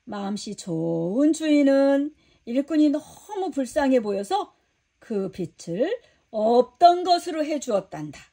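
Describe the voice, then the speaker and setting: Woman doing a gentle male teacher, patient, kindly, slow and calm, children's Bible story. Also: high voice, exaggerated voice.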